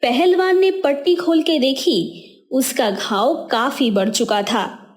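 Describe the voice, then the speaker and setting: For a cartoon, a woman reads a scripted story with a moral. She speaks slowly and in a measured way, and her voice is a little on the high side.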